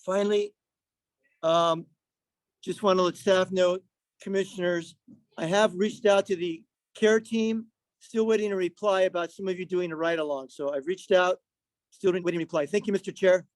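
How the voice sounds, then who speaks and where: A man's voice: high-pitched, fairly even intonation, normal speed, no echo. A councilmember calling into a public meeting over a remote line that keeps breaking up. He repeats himself and keeps checking whether he can be heard. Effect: remote call audio breaking up. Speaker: city councilmember. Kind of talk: public meeting report by phone.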